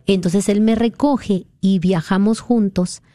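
A woman's voice: mid-range voice, slow, no room sound, studio quality. Woman from Peru telling a dream. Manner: earnest, animated retelling of a dream. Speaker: guest sharing a testimony. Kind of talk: conversational storytelling.

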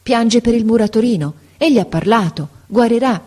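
A woman's voice: fairly high pitch, moderate pace, a little mellow, pitched above the performer's own voice, natural voice. A woman reading aloud voices a tender-hearted schoolboy speaking wistfully about his friend.

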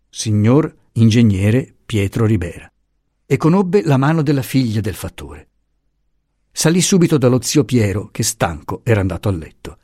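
A man narrating an audiobook chapter with expressive, dramatic storytelling. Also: medium pitch, slightly rough, no room sound, clean studio sound.

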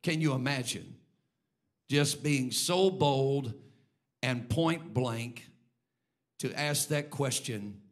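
A man's voice: medium pitch, slow, pauses often. A man preaching a sermon from the pulpit. He tells a story in a conversational way, then turns to urging his listeners with growing fervour. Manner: storytelling, building to fervent preaching. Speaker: bishop preaching.

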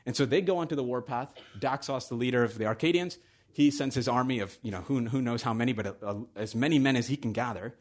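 A man preaching a sermon in a conversational way that builds to excited emphasis. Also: mid-range voice, fast talker.

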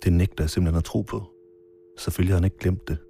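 A man narrating his own documentary in the first person, calm and measured. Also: low voice, vocal fry. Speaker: filmmaker narrator. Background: marimba music.

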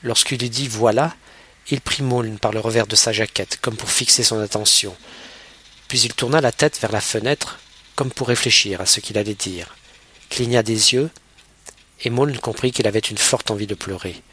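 A man narrating a classic novel as an audiobook in a measured, even reading. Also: lowish voice, slightly rough.

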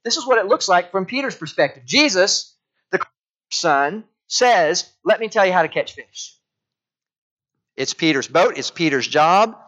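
Preaching in a high, expressive, slightly bright voice, this native English-speaking pastor moves a little slowly through personal stories and rhetorical questions for his congregation. His storytelling is conversational, heard on a dull, lo-fi recording.

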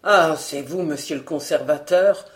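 A woman voicing a burly, honest police inspector speaking thickly, dazed from deep sleep. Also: unhurried. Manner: thick, slurred speech of a man just woken.

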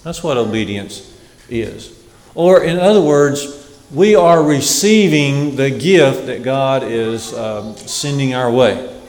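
A man preaching a sermon in a measured way, repeating key phrases for emphasis. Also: a little high. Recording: echoey hall with long reverb.

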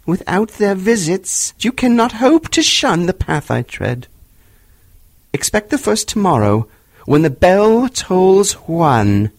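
A man voicing the mournful, stern ghost of a dead miser, declaiming slowly with anguish. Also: high-pitched, very animated, no room sound, pitched above the performer's own voice, heavily acted. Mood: solemn.

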